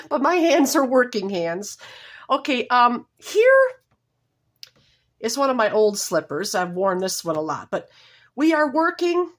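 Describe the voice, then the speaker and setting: At home, a woman hosts a casual knitting tutorial, walking through it step by step. Her medium-pitched voice is slightly hoarse from a cold, and her manner is homey and apologetic as she often stops to correct herself.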